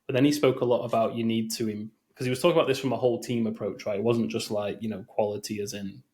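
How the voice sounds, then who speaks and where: A man's voice: fairly low pitch, fairly even intonation, fast, darkish tone. A man co-hosting a podcast, chatting casually and rambling with many fillers and restarts. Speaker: podcast co-host. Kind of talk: casual chat.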